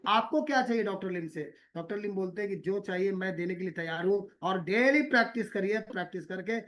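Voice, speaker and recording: A man's voice: sits high, a little fast, a bit bright. A man giving a motivational talk to his listeners. He repeats himself, hesitates with many fillers, and calls the audience "my dear". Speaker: motivational speaker.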